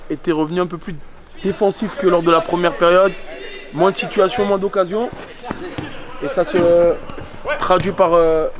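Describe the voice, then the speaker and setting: High-pitched man giving excited sports commentary. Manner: calls players' names in short bursts, exclaims. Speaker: match commentator. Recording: loud crowd and bouncing ball behind. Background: crowd noise, ball bounces.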